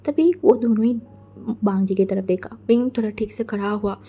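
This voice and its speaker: A woman's voice: mid-range voice, moderate pace, dark tone, slightly rough. A woman narrating a fan fiction story in a chatty, casual way, mixing in English words. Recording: faint background music.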